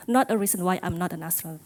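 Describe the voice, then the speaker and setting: With a low, darkish voice, a middle-aged woman addresses a conference hall as a speaker. She keeps the audience engaged by asking them questions and making self-deprecating jokes.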